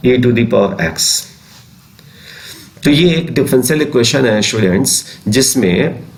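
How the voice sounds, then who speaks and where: A man's voice: mid-range voice, creaky. A man teaching a maths class, mixing Hindi with English terms and asking and answering his own questions. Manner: slows right down when reading out English definitions. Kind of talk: classroom lecture.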